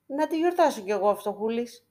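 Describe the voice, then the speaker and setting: A woman's voice: on the high side, lively intonation, darkish tone, pitched above the performer's own voice, natural voice. A woman voicing a poor village man who coaxes and pleads for coins before church icons. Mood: wheedling. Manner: pleading, coaxing with endearments.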